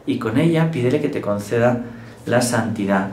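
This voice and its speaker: A man preaches a gentle daily sermon in an easy, conversational way. His mid-range voice carries some room echo. Faint ambient noise sits underneath. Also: medium pitch, expressive, moderate pace. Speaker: priest. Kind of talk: daily devotional sermon with a told joke.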